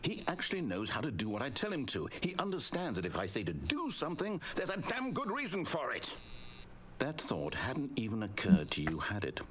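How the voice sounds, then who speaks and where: A man's voice: huge pitch swings, a little fast. An actor playing a controlling male video game narrator, proud of his story, with precise, theatrical delivery. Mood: bitter. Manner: precise, theatrical delivery with wild swings in pitch. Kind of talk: scripted video game voice acting.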